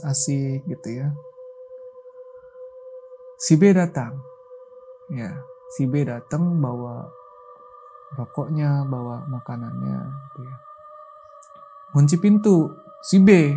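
A man's voice: mid-range voice, takes it slowly, long pauses, dark tone, faint music behind. A man casually telling a true horror story, checking in often to see that his listener follows. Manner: chatty, keeps checking the listener follows with filler tags. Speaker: guest storyteller.

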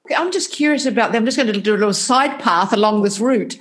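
A woman's voice: mid-range voice, fast talker. A woman hosting a podcast, interviewing her guest in a casual, conversational style.

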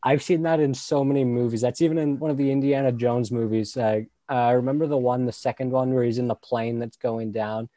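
A man's voice: mid-range voice, fairly even intonation, a little fast, hardly any pauses, mellow, no room sound. A young man talking casually in a group discussion, using lots of "like" and fillers. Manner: casual, filler-heavy, says "like" often.

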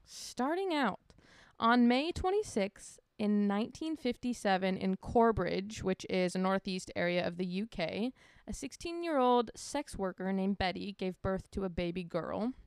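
A woman's voice: medium pitch, expressive, a little slow, clear, resonant tone, dry recording, clean studio sound. A woman co-hosting a podcast, chatting casually and telling a true crime story, laughing and swearing now and then. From Washington state. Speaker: podcast co-host.

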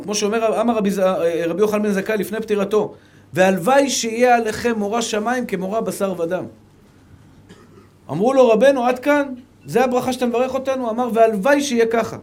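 A male rabbi with an Israeli accent giving a fervent Torah lecture, dropping to soft low asides and then rising to emphatic calls.

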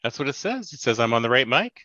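A man chatting casually as a podcast co-host, his voice coming through thin and tinny with no bass, joking and laughing with halting restarts. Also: sing-song, sharp tone, no echo. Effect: thin tinny sound with no bass. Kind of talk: casual chat. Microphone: unplugged or wrong studio mic. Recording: dull lo-fi tinny mic sound.

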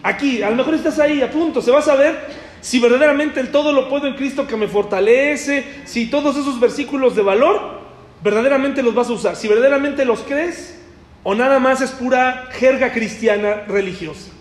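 High-voiced preacher in a hall. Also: male voice, fairly quick. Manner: impassioned, acts out scripture dialogue. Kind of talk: sermon. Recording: echoey hall.

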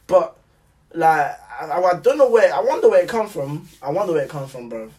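A man's voice: on the high side, expressive, a little fast, darkish tone, distant mic. A young man with a London roadman accent, musing in slangy casual chat and repeating his phrases. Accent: London, urban roadman slang. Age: young adult.

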